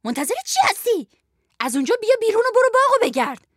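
A shrill, spiteful bandaged boss. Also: female voice, sing-song, no room sound, clean studio sound. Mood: raging. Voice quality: high shrill voice. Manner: screeching rapid tirade.

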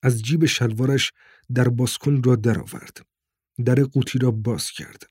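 A man reading a novel aloud in calm, measured narration. His voice is husky with a breathy edge, and the recording is close and dry with no room echo. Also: medium pitch. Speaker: audiobook narrator. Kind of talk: scripted narration.

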